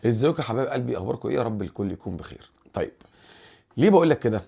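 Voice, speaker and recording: A man with an Egyptian accent hosting a casual football commentary vlog, animated and rambling, restarting his words often. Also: mid-range voice, racing, creaky, slightly rough. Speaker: football channel host.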